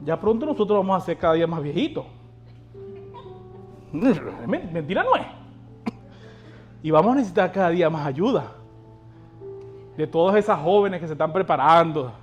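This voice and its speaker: A man with a notably high voice preaches to his congregation, pressing them with questions and calls to act. Faint instrumental music plays softly behind him. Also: very animated, normal speed, pauses often, dull audio. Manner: exhorting, asks the congregation rhetorical questions. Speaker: pastor. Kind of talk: sermon.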